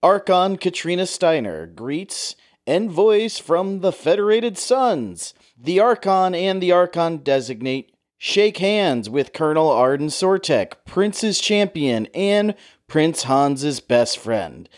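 A man putting on the voice of a grand World War Two newsreel announcer, in a booming old newsreel voiceover style. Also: sing-song, slow pace. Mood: announcing. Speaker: podcast co-host.

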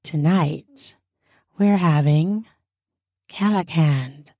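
A woman doing a husky, purring wife. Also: low-pitched, slow, dry recording, clean studio sound, pitched below the performer's own voice, full character voice. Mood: sultry. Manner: soft, purring, seductive. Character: adult woman, seductive, doting wife. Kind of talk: read-aloud erotica.

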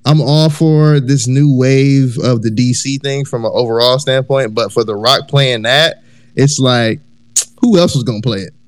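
A man's voice: medium pitch, moderate pace, no room sound. A man leading a casual group chat, who stumbles into restarts and repeats his words while chuckling as he talks.

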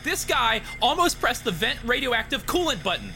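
A man voicing a furious woman reactor technician who shouts. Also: sits high, very animated, brisk, over music, pitched above the performer's own voice.

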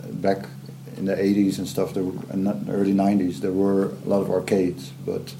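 A man's voice: low voice, completely flat delivery, normal speed, gravelly, warm tone, a little hiss or hum. A man hosting an interview, asking curious, easygoing questions. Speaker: interview host. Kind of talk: casual interview chat.

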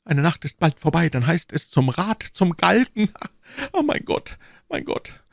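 A man's voice: sing-song, measured pace, gravelly, dry recording, studio quality, full character voice. Bonacieux, a man doing a trembling shopkeeper. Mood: despairing. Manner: trembling, pleading, high-pitched. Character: timid frightened middle-aged male shopkeeper under interrogation. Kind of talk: audiobook reading.

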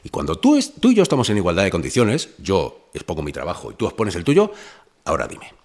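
Man, podcast guest, animated storyteller, wildly swinging pitch. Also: fast talker. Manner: loud, animated storyteller with swearing and laughs. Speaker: rapper guest. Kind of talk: casual podcast interview.

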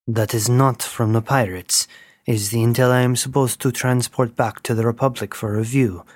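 A man's voice: mid-range voice, fairly even intonation, moderate pace, no room sound, natural voice. Stern officer guy giving short orders, dry close voice, a man reading it out. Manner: commanding, terse orders. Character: wounded adult male military lieutenant.

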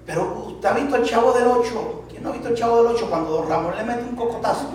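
A man's voice: extremely high pitch, fast talker, darkish tone. A male pastor preaching a sermon, telling a story with laughs and asides to the congregation. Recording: echoey church hall, distant mic.

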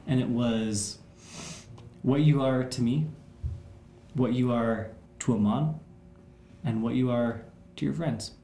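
A man running a tabletop game as game master, recapping slowly with many pauses and fillers. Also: medium pitch, mellow, a little hiss or hum. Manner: slow, hesitant, with frequent fillers. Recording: echoey room.

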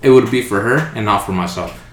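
A man's voice: on the low side, brisk. A young man in a casual podcast chat, earnest and insistent, pressing his point. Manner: earnest, insistent, repeats "look" to hold the floor. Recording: echoey room with faint noise.

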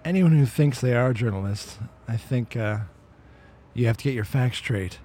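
A man's voice: mid-range voice, normal speed, warm tone, slightly rough. A man hosting a casual walk-and-talk podcast outdoors, talking in an opinionated, conversational way and often repeating words as he restarts. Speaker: podcast host.

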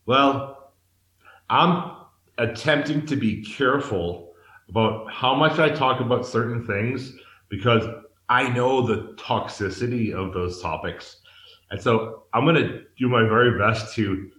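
This medium-pitched, fairly bright voice belongs to a man in his forties from Massachusetts, speaking a little slowly. As an interview guest in an echoey room in Mexico, he tells his life story candidly, earnestly searching and frequently restarting his sentences.

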